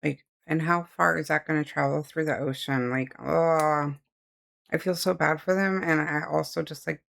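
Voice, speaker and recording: A woman's voice: sits low, fairly even intonation, moderate pace, creaky. A woman reacting to clips in casual chat as a show host.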